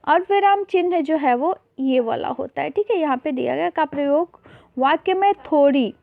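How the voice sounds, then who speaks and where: A woman's voice: high voice, normal speed, vocal fry, dry recording. A woman teacher patiently explaining a worksheet lesson to young children, often calling them beta, mixing in English words. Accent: Hindi, mixing English terms. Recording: tinny phone-like voice-over.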